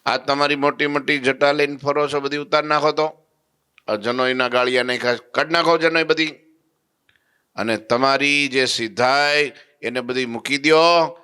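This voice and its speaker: A man voicing a stern young male ascetic who loudly scolds a group of fake holy men, his rebukes firm and commanding. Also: low voice, moderate pace, natural voice. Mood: scolding, commanding.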